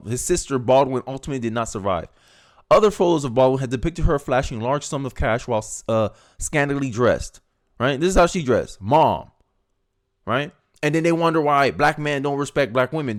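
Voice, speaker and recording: A man giving blunt, heated reaction commentary as an online host, emphatic and repeating his points. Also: medium pitch.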